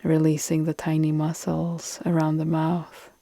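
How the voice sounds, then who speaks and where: Guiding a yoga nidra session, a woman speaks in a mellow, lowish voice with a calm, soothing manner. Long pauses separate her phrases, whose soft endings become breathy, and her very steady delivery has hardly any melody. There is no echo.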